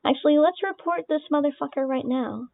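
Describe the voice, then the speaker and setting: A woman's voice: high voice, a little fast, gravelly, no room sound. A young woman giving a casual reaction commentary, sarcastic and dismissive, swearing often. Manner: dismissive, sarcastic, swearing, laughing between remarks. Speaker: online creator responding to accusations. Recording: tinny phone-like lo-fi sound, dry.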